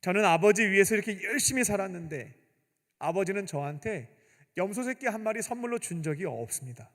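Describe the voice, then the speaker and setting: A man's voice: high voice, lively intonation, brisk, a bit bright. A male preacher voicing a resentful, hardworking elder son airing his grievances. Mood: aggrieved. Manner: aggrieved, complaining. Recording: long church-hall reverb.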